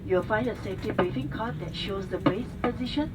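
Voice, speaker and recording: A woman's voice: medium pitch, fairly quick. Female flight attendant briefing through heavy cabin noise. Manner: formal, instructional flight attendant delivery. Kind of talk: scripted airline safety briefing announcement. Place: inside an airliner cabin over the PA. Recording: distant cabin PA, loud aircraft noise. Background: loud aircraft cabin ambience.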